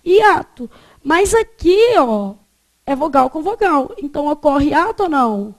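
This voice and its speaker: High-voiced Brazilian woman teaching a class. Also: sing-song, measured pace. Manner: quizzing students with repeated check questions. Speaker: Portuguese teacher. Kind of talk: classroom grammar lesson.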